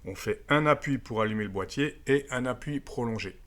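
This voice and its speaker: Brisk and fairly bright, the man's medium-pitched voice guides a casual, hands-on demonstration of a gadget. As an amateur radio video presenter, he explains it step by step, peppering his talk with tag words.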